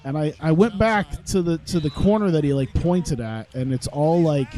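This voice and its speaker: A gaming YouTuber chats casually at his computer in a home room while playing a video game, his voice a little high and dark-toned at normal speed, with slight background noise. His commentary rambles with lots of fillers, and he sounds stuffed up from his sinuses.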